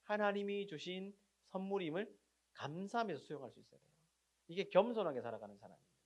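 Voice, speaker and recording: A male pastor preaching a sermon, putting questions to the congregation and answering them himself, and swinging from loud emphatic lines to very quiet endings. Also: high voice, expressive, fast talker.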